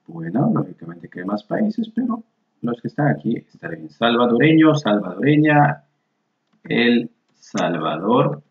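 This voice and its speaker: In an unhurried screen-share walkthrough, a man with a very animated, mid-range voice teaches Spanish, spelling each word form aloud with patience. The audio is roomy, dull and lo-fi.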